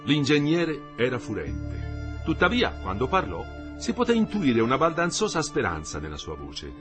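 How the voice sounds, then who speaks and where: A man reading a literary novel aloud with an expressive, dramatic delivery. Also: mid-range voice, normal speed, music in the background. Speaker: audiobook reader.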